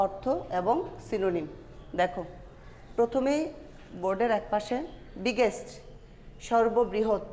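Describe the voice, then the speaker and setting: A Bengali-speaking woman teacher with a Bangladeshi accent, slowly reading a passage and repeating vocabulary words for an online class. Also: mid-range voice, darkish tone, slight background noise. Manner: slow deliberate reading, repeats each word twice. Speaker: school English teacher. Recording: dull lo-fi audio in a reverberant room.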